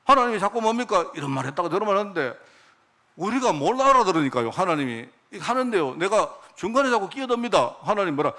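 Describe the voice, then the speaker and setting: A middle-aged male pastor delivers a sermon in a high, fast voice with wide swings in pitch. He repeatedly poses questions to the congregation and answers them himself, often dropping into a quiet aside as a phrase ends.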